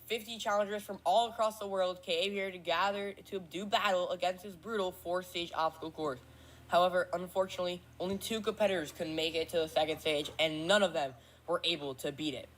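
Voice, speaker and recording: A woman's voice: fairly low pitch, fairly even intonation, brisk. Earnest woman narrating a tournament recap. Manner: earnest, apologetic, thankful.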